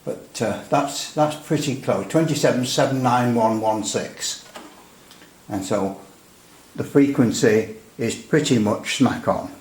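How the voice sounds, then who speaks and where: Slowly and in a slightly mellow medium-pitched voice, a man demonstrates a radio repair at an indoor workbench. He's chatty and hesitant, wandering off topic with a dry wit, and the room sounds echoey.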